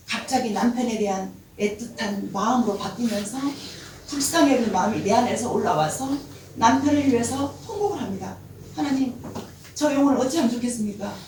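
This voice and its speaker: A middle-aged woman pastor preaches a testimony sermon and acts out her own past prayers with dramatic flair. Her voice sits fairly high. The recording is distant and washed in heavy hall echo, with faint noise behind it. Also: darkish tone. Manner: dramatic storytelling, acting out quoted prayers. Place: church sanctuary. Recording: echoey hall from far off.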